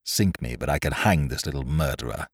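A man voicing a grim, hard sailor who speaks low and quietly. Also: animated, fairly quick, slightly rough, no room sound, clean studio sound, full character voice.

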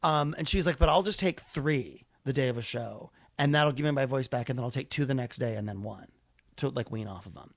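A man's voice: mid-range voice, a little fast, dry recording. An American man telling a personal story casually, acting out the conversations as he goes. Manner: animated retelling with quoted dialogue. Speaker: stand-up comedian.

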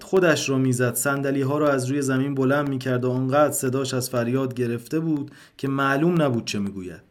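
A man narrating a literary short story in a calm, measured way. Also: medium pitch.

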